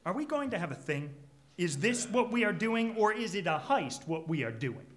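An actor playing a gruff small-time crook in a 1940s style radio drama, talking tough-guy slang. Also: high-pitched, sing-song, normal speed, fairly bright tone. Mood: grumbling.

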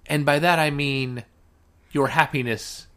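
A man's voice: on the high side, steady tone, unhurried, sharp tone. A man co-hosting a podcast in casual chat, rambling and digressive with a wry, dry humor. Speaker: podcast co-host. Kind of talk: casual chat recapping a dating show.

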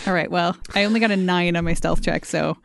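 A woman's voice: lowish voice, steady tone, quick pace, creaky, dry recording. A woman playing a character in a tabletop game, chatty and a little hesitant. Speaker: player. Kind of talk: casual tabletop play.

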